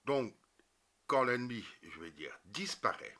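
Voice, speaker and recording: A man's voice: medium pitch, very animated, unhurried, pushed and bright. A man explaining a coding tutorial step by step, with many fillers and self-corrections. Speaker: programming tutorial teacher. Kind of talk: screen-recorded coding tutorial.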